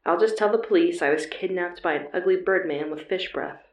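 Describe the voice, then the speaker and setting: A woman voicing a bubbly young valley-girl princess with a bright, breezy drawl while reading a story aloud. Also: lowish voice, a little fast, reverberant, dull audio, close to an everyday voice.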